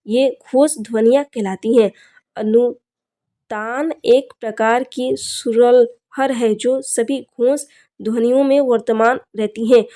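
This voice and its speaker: A young woman teaching an exam-prep grammar lesson, speaking slowly and deliberately and often telling students to look closely. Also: fairly high pitch, steady tone, dark tone. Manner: slow, deliberate, repeats "dekhiye" often.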